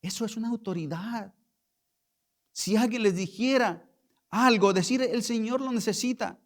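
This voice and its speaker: Pastor guy preaching, pretty high voice, gets loud and emphatic on the scripture bits. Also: normal speed. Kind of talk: sermon. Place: church sanctuary.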